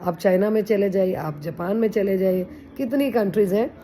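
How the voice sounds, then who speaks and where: A woman with a mellow, warm voice gives encouraging advice to her viewers. Her talk is earnest and chatty, with English phrases mixed in. A faint hum of ambient noise sits behind her. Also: mid-range voice, moderate pace. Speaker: vlogger. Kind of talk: casual motivational talk to camera.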